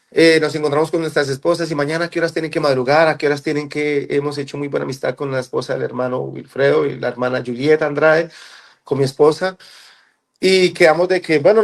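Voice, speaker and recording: A man shares his personal faith testimony. He talks earnestly and often backs up to restart a phrase or repeat a word. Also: a little high. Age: adult, married with children. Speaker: church member giving testimony.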